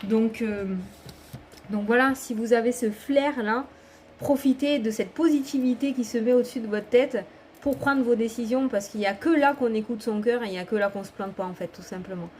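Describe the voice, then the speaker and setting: A woman's voice: on the high side, moderate pace, a little mellow, slight background noise. A woman doing a casual tarot reading to camera, talking in a chatty, encouraging way and often checking in with the viewer. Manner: encouraging, motivational. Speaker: tarot card reader.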